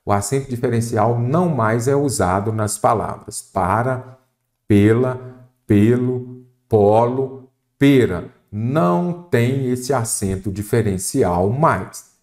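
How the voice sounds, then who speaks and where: A man with a Brazilian accent teaching a Portuguese spelling lesson for exam prep, lively and full of rhetorical questions he answers himself. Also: mid-range voice, slow pace. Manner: addresses the student directly.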